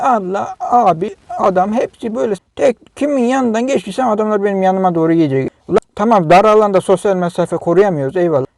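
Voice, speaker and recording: High, gravelly man ranting angrily. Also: darkish tone, no echo. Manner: agitated, scolding, ranting. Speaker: vlogger. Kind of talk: angry monologue to camera.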